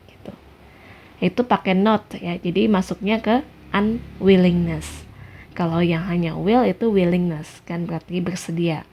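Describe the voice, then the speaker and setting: A woman with an Indonesian accent teaching an English grammar lesson over slides, explaining patiently and reading example sentences slowly and clearly. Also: lowish voice, lo-fi sound, slight background noise.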